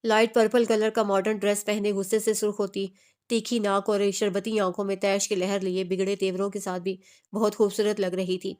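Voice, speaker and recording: A woman reading a romance novel aloud in a steady, even narrating voice. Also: mid-range voice, clear, resonant tone. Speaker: audiobook narrator.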